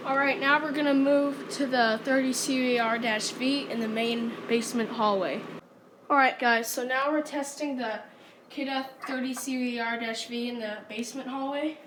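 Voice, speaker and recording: A woman's voice: high-pitched, steady tone, moderate pace. A woman hosting a casual amateur vlog, narrating each step as she goes indoors. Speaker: host testing home alarms. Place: indoors in a house. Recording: faint noise, amateur home recording.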